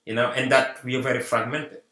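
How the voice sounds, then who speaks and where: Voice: medium pitch, level tone, a little fast, bright, forceful tone, slight background noise. A guest from Senegal, giving an earnest talk on community unity and repeating rallying phrases. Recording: roomy echo.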